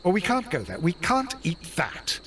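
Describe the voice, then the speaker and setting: A man's voice: sits high, huge pitch swings, normal speed, fairly bright tone, far from the mic, a little hiss or hum, heavily acted. An actor playing a proper male doctor in a video game, fussy and squeamish.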